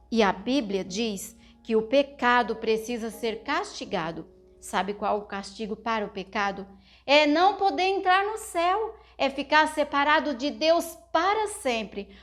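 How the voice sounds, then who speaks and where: High-voiced woman telling children's stories. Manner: speaks to children with frequent questions; gentle, teaching tone. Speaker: children's storyteller.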